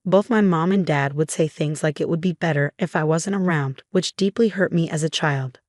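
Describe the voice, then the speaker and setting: A woman narrates a first-person story in a steady, even, scripted manner. Her voice sits fairly low, and the sound is dry and close with no room around it. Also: normal speed, dry recording.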